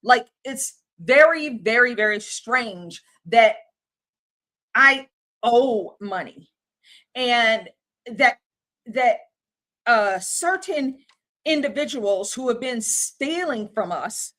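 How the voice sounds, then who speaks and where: A woman's voice: fairly high pitch, animated, slow, long pauses, sharp tone. A woman, hosting a livestream and ranting in an exasperated, casual, slangy way. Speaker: livestream host.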